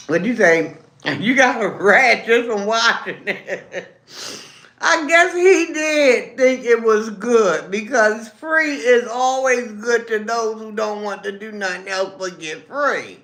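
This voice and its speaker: A woman's voice: mid-range voice, lively intonation, takes it slowly, fairly bright tone, echoey room. A woman hosting a casual livestream, chatting with viewers over her lunch, calling them baby and honey and humming as she chews. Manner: talks while chewing, hums over food. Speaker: livestream host. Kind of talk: casual live chat while eating lunch.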